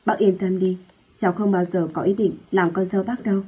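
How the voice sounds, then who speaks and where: A woman's voice: mid-range voice, steady tone, fairly quick, slightly rough. Woman reading a shy polite young girl. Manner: polite, soft and deferential. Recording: tinny phone-like lo-fi sound.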